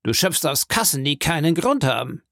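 A man's voice: fairly high pitch, very animated, moderate pace, creaky, fairly bright tone, no echo, clean studio sound, pitched above the performer's own voice, heavily acted. A man voicing a greedy, scheming male ex-convict who needles and wheedles, in a storybook reading.

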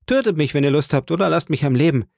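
A man's voice: a little high, lively intonation, fast talker, creaky, a little mellow, no room sound, clean studio sound, pitched above the performer's own voice. A man reading an audiobook, voicing a bold, defiant boy cabin hand who speaks steadily.

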